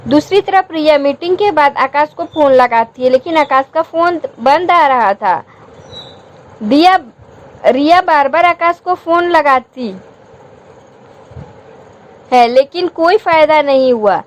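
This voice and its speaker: Female storyteller, high voice, steady storybook narration.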